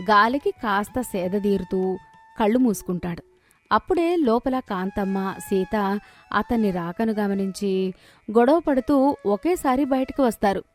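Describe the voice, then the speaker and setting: A woman narrating a children's moral cartoon story in a steady, measured way. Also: medium pitch.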